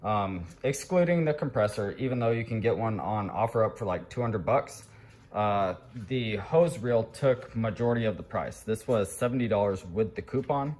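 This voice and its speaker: A man with a fairly low, darkish voice talks animatedly at a normal speed while taking viewers, whom he calls "guys," through a DIY project in his home garage workshop. The casual vlog is shot handheld with clearly audible background noise.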